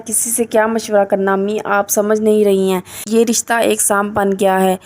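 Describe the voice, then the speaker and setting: Female reviewer for scripted recap narration; even, flat delivery. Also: mid-range voice. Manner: reads the characters' lines in her own voice. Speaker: drama reviewer.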